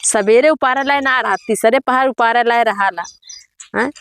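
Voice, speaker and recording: Woman acting high-pitched nagging Awadhi village wife. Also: normal speed, fairly bright tone. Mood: grumbling, aggrieved. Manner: plaintive grumbling and nagging. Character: exasperated, complaining village farm wife. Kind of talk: rural comedy sketch acting.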